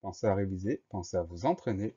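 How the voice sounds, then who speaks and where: A man's voice: low voice, fast talker, mellow, breathy edge. A man teaching a spelling dictation lesson, patiently spelling each word letter by letter. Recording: dull lo-fi recording.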